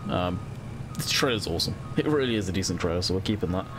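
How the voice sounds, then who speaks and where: Low-voiced and expressive, a young man with a cold-stuffed voice rattles fast through casual let's-play commentary. As a gaming channel host he thinks aloud while playing, with noise in the background.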